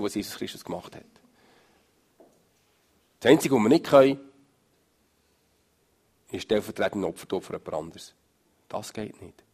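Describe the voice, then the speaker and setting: Gravelly, husky preacher. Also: male voice. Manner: emphatic, swings from loud stress to low murmur. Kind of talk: sermon.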